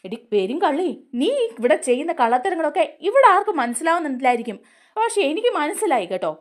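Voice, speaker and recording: A brash, accusing young man, as a woman storyteller puts him on. The voice sits high and swings widely, insistent and confrontational throughout the retold scene. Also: sing-song, fast talker.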